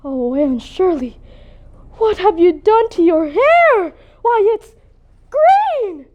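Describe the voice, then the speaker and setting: A woman's voice: extremely high pitch, big pitch swings, takes it slowly, a little mellow, a little hiss or hum, heavily acted. A woman playing a stern, strict older spinster in a competitive interpretation piece, scolding and disapproving. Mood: alarmed.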